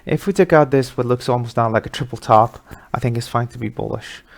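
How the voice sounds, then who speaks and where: A man's voice: medium pitch, fairly quick, vocal fry. A middle-aged man from Sweden hosting a live market webinar, talking casually through charts with many fillers.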